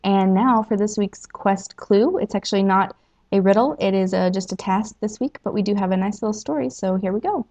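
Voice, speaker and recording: A woman with a Southern American accent hosting a casual podcast news roundup, giggling often and filling pauses with ums. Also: mid-range voice, a little mellow. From United States. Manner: giggly, many ums and laughs. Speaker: podcast host. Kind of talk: casual news roundup, then reading a story.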